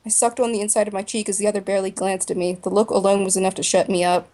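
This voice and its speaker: A woman narrating a story in the first person for a voice drama, in a plain, even way. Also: mid-range voice, rapid-fire. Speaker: narrator and main voice actor.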